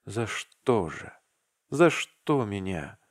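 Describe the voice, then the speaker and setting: A man's voice: fairly low pitch, animated, moderate pace. A man reading aloud and voicing a meek young clerk, delirious and heartbroken, who pleads in an anguished, half-whispered voice.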